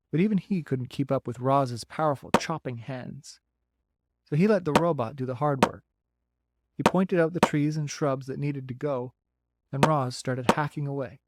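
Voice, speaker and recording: A man narrating a children's novel as an audiobook in a steady, clear storytelling voice, recorded close to the mic. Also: a little high, heavy background noise. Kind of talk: reading a children's novel aloud.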